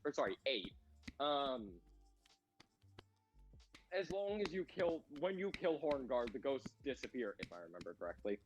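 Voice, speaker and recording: Young male player, animated and swearing, slightly high voice, faint music. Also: muffled recording. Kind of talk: casual tabletop game chat.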